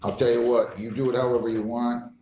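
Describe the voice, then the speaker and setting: A man's voice: medium pitch, fairly even intonation, brisk, dark tone. An American man speaking as a judge in a courtroom, putting formal procedural questions in a firm manner. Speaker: judge presiding over hearings. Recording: echoey room with faint background noise.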